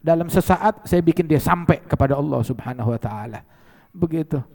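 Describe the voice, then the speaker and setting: A man delivers a sermon, his voice sitting slightly high. He tells stories with animated energy and drops in Arabic phrases. The sound carries a long reverb, as in a large hall. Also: a little fast, creaky. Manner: animated storyteller who acts out quoted voices, sprinkling Arabic phrases. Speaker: religious preacher. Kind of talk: sermon with storytelling.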